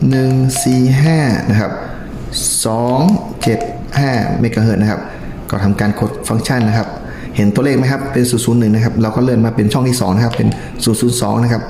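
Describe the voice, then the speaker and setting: A man's voice: mid-range voice, steady tone, fast. A man presenting a step-by-step tutorial in a polite, instructional manner. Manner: polite, instructional, frequent courtesy particles. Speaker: presenter of a radio how-to channel. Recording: echoey room, clear background noise.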